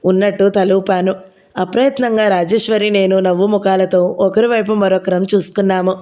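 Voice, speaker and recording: A woman narrating a novel in the first person, in a steady storytelling manner. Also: medium pitch, moderate pace. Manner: steady storytelling, reading dialogue aloud. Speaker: audio novel reader.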